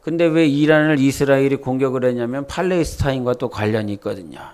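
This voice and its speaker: A man's voice: mid-range voice, fast, darkish tone. A man from preaching a sermon, talking casually and quizzing the congregation with questions. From Jeolla, South Korea. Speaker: pastor.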